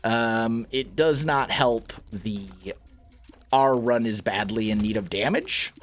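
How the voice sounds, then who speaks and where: A let's play host with a groggy morning voice casually comments on his video game, thinking out loud and frequently stopping to correct himself mid-sentence. His medium-pitched voice is expressive and slow-paced.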